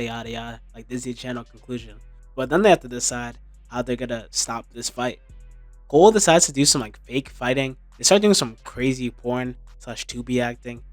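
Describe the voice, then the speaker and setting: A man's voice: mid-range voice, no echo. A young man giving casual recap commentary in a sarcastic, slangy, informal way. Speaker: video commentator.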